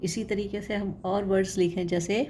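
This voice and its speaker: A woman teaching a lesson, explaining patiently, repeating sounds slowly and putting questions to the viewer. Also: mid-range voice, flat delivery, a little mellow, slight background noise.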